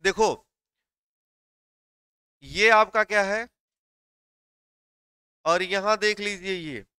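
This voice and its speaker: A man teaches a live online class, explaining things step by step, questioning his students, and dictating notes slowly word by word. His voice sits high with a bright, forceful, clean tone, and the recording is dry.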